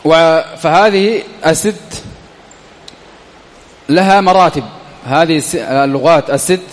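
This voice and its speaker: A man teaching a classical Arabic grammar text, reading lines and explaining them, often repeating phrases slowly to drill them. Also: on the high side, long reverb tail.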